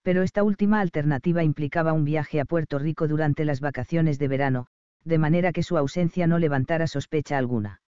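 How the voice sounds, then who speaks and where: Smooth, dry-voiced male audiobook narrator. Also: fairly high pitch, no echo, lo-fi sound. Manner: even, measured reading of novel dialogue.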